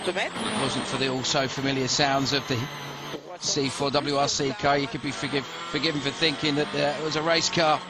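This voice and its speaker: A man's voice: medium pitch, little pitch movement, a little fast. A man giving rally commentary as a motorsport commentator, explaining the driving in an admiring way. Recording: very loud engine noise behind voice. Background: roaring rally car onboard sound.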